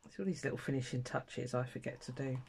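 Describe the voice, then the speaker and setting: This fast-talking craft host has a creaky, darkish bass voice, with slight background noise in the clip. An older Englishwoman with a cold and stuffy nose, she chats casually to viewers while packing sewing kits at a table indoors, her hands alone visible from overhead, joking at her own expense as she works.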